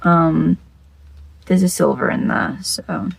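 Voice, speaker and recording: Chatting casually to the camera, this makeup video creator sounds croaky, like she just woke up, rambling in a scatterbrained, sweary way and repeating phrases. Her voice sits at a medium pitch with fairly even intonation, moving at a slow pace with no echo.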